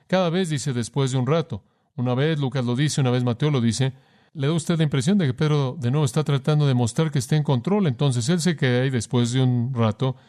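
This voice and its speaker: A man's voice: mid-range voice, a little mellow. A man preaching a sermon with emphasis, addressing the listener formally and asking rhetorical questions.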